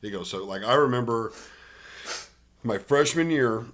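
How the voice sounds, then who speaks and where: A man's voice: mid-range voice, measured pace, a bit bright. A man as a podcast guest, casually telling stories from his school days with dry remarks. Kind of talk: casual chat.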